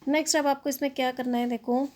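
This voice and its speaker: A woman's voice: high voice, steady tone, fast talker, darkish tone. A woman teacher with an Indian accent, spelling English words out letter by letter and explaining them in Hindi.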